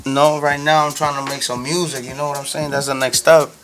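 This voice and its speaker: A man's voice: medium pitch, little pitch movement, a little fast. A man with a Dominican accent in a casual podcast chat, using street slang and switching between English and Spanish. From Dominican Republic. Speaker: guest DJ. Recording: music behind the voice.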